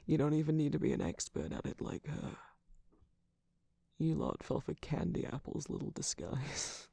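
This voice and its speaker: A man voicing a sly, distrustful jester cookie villain in an intimate ASMR roleplay, teasing and theatrical in a breathy, husky, often whispered voice close to the microphone. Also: on the high side, big pitch swings, unhurried, long pauses, mellow, dry recording, heavily acted. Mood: mocking, guarded. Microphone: close-up microphone, dry.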